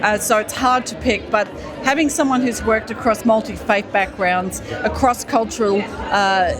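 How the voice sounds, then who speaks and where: A woman speaking as a government minister at an event, upbeat with frequent hesitant pauses. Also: mid-range voice, steady tone. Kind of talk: event interview. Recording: event with music and crowd chatter.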